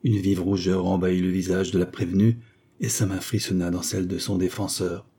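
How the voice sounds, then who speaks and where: A man narrating a novel as an audiobook in a measured, dramatic way. His voice is low and dark with a husky texture. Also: little pitch movement.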